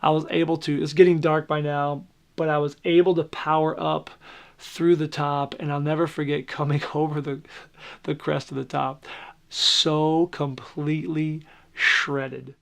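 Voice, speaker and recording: A pastor speaks in a candid documentary interview. His voice sits a little high and carries a gravelly fry. He tells his story haltingly and keeps doubling back on his words. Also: level tone. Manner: candid, halting retelling with restarts.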